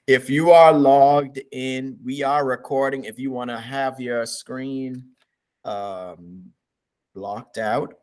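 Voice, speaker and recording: Man, host, online interview, slow and measured, encouraging, video call audio. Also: mid-range voice.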